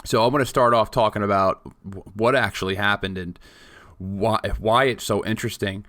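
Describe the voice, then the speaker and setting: A man in his late twenties co-hosts a casual podcast, joking and rambling with frequent restarts. His voice sits fairly low, and the close recording is dry. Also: steady tone, moderate pace, fairly bright tone, no room sound. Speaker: podcast co-host.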